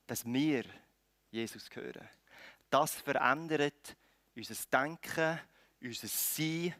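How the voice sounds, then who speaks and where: A man's voice: medium pitch, slow pace, a bit bright, dry recording. A man preaching a sermon in a conversational way, acting out scenes with frequent restarts. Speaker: pastor.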